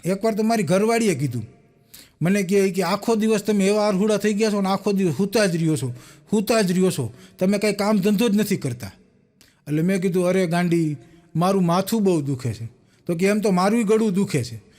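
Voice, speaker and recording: A man's voice: high voice, fairly quick, darkish tone. A young man, telling jokes as comic stories and acting out the people in them. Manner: acts out the people in each joke, with punchlines. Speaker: stand-up joke teller.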